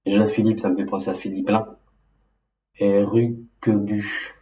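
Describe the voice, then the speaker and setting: A man talking casually and loosely about his memories, halting and restarting often with lots of fillers. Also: on the low side, little pitch movement, dark tone. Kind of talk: casual rambling monologue. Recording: roomy echo, mic at a distance.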